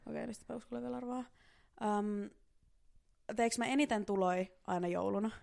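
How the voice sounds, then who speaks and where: A woman's voice: mid-range voice, fairly even intonation, gravelly, a little mellow, no echo, studio quality. A woman co-hosting a casual podcast game, giggly and hesitant, thinking aloud as she guesses. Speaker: podcast co-host.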